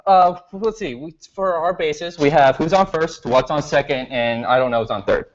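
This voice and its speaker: Young man as a deadpan baseball manager. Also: fairly high pitch, moderate pace, lightly acted. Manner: patient, deadpan explaining. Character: calm, matter-of-fact young male baseball team manager. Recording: dull lo-fi recording.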